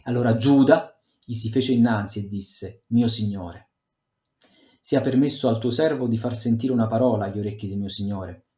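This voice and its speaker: A man with a somewhat low voice gives a Bible talk over a video call, moving between read scripture passages and loose spoken commentary with fillers. The sound carries an echoey room. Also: moderate pace, mellow. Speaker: Bible teacher for a youth group.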